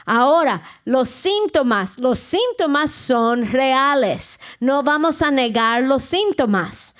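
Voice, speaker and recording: A woman pastor, her voice sitting a little high. She preaches at an unhurried pace, searching for words, restarting her phrases and dotting her sermon with "amén". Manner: slow, searching delivery with many restarts and frequent "amén".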